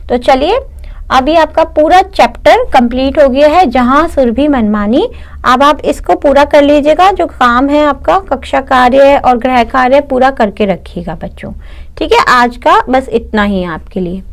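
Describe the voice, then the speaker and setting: A young woman with a high voice gives a lesson to children. She explains step by step, asking questions and then answering them herself, and slips English words into her speech. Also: measured pace, creaky. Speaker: teacher. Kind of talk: online class lesson for children.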